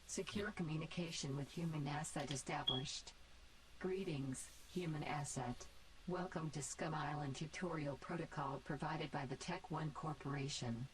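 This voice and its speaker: A woman's voice: sits low, normal speed, a little hiss or hum, low-quality recording. A woman voicing a cold female artificial intelligence who oversees a prison game, speaking in a formal, clipped announcer manner through a robot voice effect. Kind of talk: game character dialogue.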